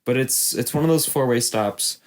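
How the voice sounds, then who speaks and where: A man's voice: medium pitch, normal speed. A young man, a podcast co-host telling a long story in casual chat, rambling and laughing often. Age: young adult.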